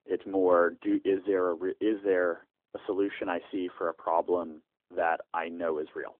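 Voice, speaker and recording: Deep-voiced man on a tinny landline phone. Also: level tone, dry recording. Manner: halting, frequent "uh" fillers and restarts. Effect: heard over a landline phone. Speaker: startup founder interviewed by phone. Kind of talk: phone interview answers.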